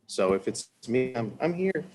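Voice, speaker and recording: A man's voice: mid-range voice, sing-song, normal speed, background noise. A man joining a meeting remotely, his call audio fading and dropping in and out as he repeats himself urgently. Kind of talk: official meeting talk.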